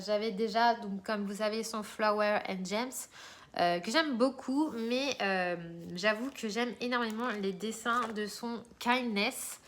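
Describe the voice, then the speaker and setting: A woman's voice: mid-range voice, a bit bright. A woman with a mid-range voice talks casually to her viewers, showing off new purchases. She rambles, restarts and fills gaps with hesitations. Faint background noise sits under her voice. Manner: chatty, rambling, many fillers and restarts. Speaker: coloring book vlogger.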